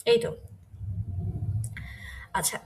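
A woman teaching German pronunciation in an online lesson, saying each example word again, louder. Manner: slow, repeats example words loudly.

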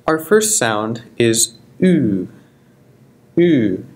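Male instructor for a scripted pronunciation lesson, slow, deliberate delivery. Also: mid-range voice, animated. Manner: slow, deliberate, careful articulation. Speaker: language instructor.

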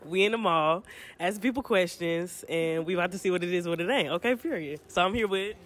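A woman's voice: on the low side, a little fast. A woman interviewing shoppers in a mall, upbeat with loose slang. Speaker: street interviewer. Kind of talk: casual street interview.

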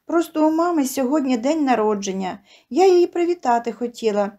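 A woman's voice: high-pitched, animated, brisk, dark tone, pitched above the performer's own voice. A woman voicing a shy, tearful little girl who pleads between sobs in an audio story. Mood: tearful pleading. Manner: sobbing, pleading.

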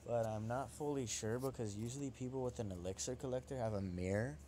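A young man giving excitable, trash-talking commentary over his own gameplay, swearing at his opponent as he plays. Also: medium pitch, fairly quick, a little hiss or hum. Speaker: gaming channel host.

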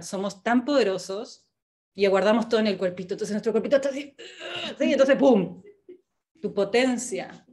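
Brief: woman, workshop facilitator, lively and questioning, quick to laugh. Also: mid-range voice. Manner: animated, asks many rhetorical questions, laughs often. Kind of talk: live coaching workshop.

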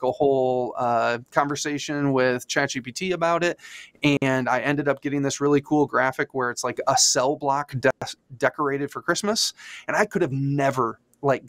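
A man's voice: mid-range voice, no room sound. A middle-aged man answering on a video-call podcast, chatty and enthusiastic, with lots of "like" and "um". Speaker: church designer guest. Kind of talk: casual podcast interview answer. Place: home studio room. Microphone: studio mic on a video call.

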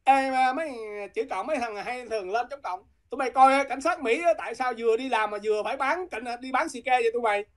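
A woman's voice: a little high, fast, few pauses. A woman from Vietnam, a guest talking politics in a heated, combative way and repeatedly challenging her listeners.

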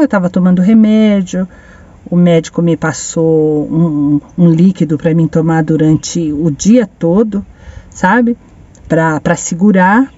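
Middle-aged woman, very mellow dark tone, chatty phone vlog from a car, slightly muffled sound. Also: on the low side. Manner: chatty, repeats phrases, addresses viewers fondly. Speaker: vlogger. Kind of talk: personal storytelling to camera. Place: inside a parked car in the sun. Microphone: phone camera.

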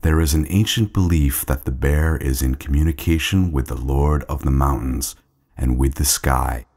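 A man's voice: rumbling low, normal speed, a little mellow. A man narrating a nature documentary from a script.

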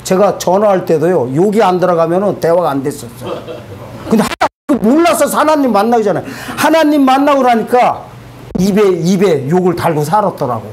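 A man giving a spoken testimony to a church congregation, animated and colloquial, asking the audience rhetorical questions. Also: sits high, a little fast.

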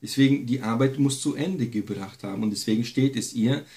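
A man's voice: mid-range voice, a little fast, a little mellow. A man giving a Bible lesson, emphatic and repetitive, often adding a questioning tag to his sentences. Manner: emphatic, repeats key phrases, frequent tag "ne". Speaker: Bible teacher.

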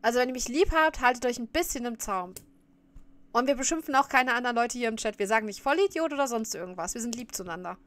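A woman's voice: fairly high pitch, animated, quick pace, a bit bright. A woman streamer chatting casually while reacting to a clip, often laughing and scolding her viewers.

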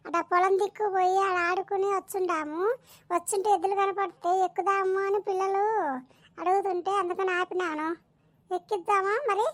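A woman in a village comedy skit, calling out loudly and ordering the children about. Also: very high-pitched, steady tone, fairly quick. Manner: loud, calling out, bossy with the kids.

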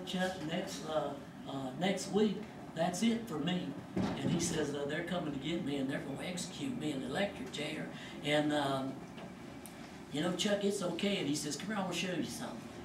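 A man telling his life story to an audience, animated and acting out voices. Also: a little high, noisy background. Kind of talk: personal testimony to an audience. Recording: echoey hall, mic from far off.

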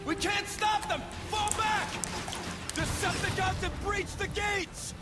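An actor playing an alarmed robot soldier barking battle reports in a video game. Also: male voice, very high-pitched, fairly even intonation, slow. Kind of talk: video game combat chatter. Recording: distant voice under game music.

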